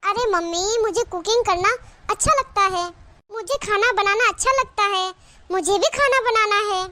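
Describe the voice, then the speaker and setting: A woman's voice: very high voice, normal speed, sharp tone, a little hiss or hum. A woman voicing a sweet, eager young daughter pleading with her mother in a cartoon.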